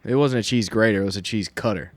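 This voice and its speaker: A man's voice: lowish voice, quick pace, dry recording. A man co-hosting a podcast in casual, joking chat, with profane, teasing banter. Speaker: podcast co-host.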